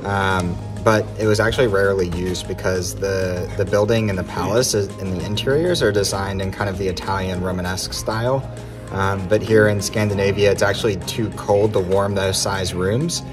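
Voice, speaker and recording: A man's voice: sits low, normal speed. Chatty man vlogging with music behind. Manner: chatty, many ums, relaxed recounting. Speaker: travel vlogger. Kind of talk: casual travel vlog recap. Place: inside an ornate palace room, later outdoors in snow. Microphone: phone held at arm's length, selfie framing.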